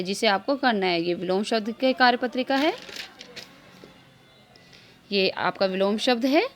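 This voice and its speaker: A woman teacher leads an online class in an even, measured way. She reads word pairs slowly and clearly, one by one, and poses questions to the class that she answers herself. Her voice sits a little high. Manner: slow, clear word-by-word reading of lists.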